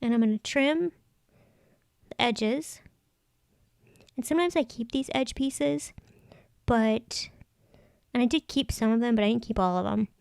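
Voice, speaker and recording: Clear, higher-voiced woman chatting through crafts. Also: unhurried, pauses often, a little mellow, no echo, studio quality. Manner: chatty, thinking aloud. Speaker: craft vlog host. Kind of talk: casual planner tutorial narration.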